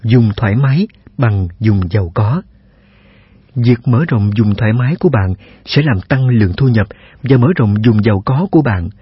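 Very husky man narrating self-help. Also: mid-range voice, moderate pace. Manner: steady reading voice with rhetorical questions to the listener. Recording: dull, slightly lo-fi sound.

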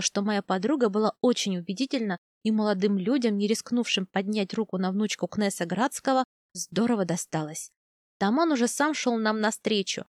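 A woman narrating a novel in the first person, measured and lightly animated. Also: medium pitch, dry recording, clean studio sound. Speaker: audiobook narrator.

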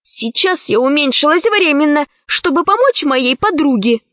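A woman's voice: high-pitched, lively intonation, moderate pace, fairly bright tone, dry recording, voice pushed up. A woman voicing a brave, self-assured young girl who answers villains firmly and defiantly. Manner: defiant, firm and cool. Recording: dry, dull lo-fi recording.

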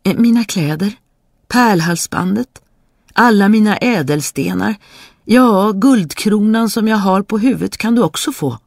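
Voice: medium pitch, vocal fry, darkish tone, no room sound, studio quality, pitched above the performer's own voice. A reader voicing a spoiled young princess who turns petulant or eager in a fairy tale reading. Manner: petulant, eager to please when she wants something. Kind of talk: storybook reading.

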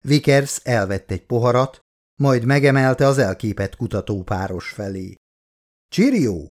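A man narrates an audiobook in a steady, measured storytelling manner. His voice sits at a middling pitch for a man, unhurried and even. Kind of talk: scripted narration.

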